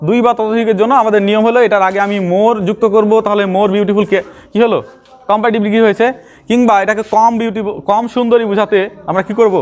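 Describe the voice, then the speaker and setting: High-voiced man teaching grammar. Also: flat delivery, fast talker. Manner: explains step by step, repeats key terms and quizzes the viewer. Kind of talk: classroom-style grammar lesson.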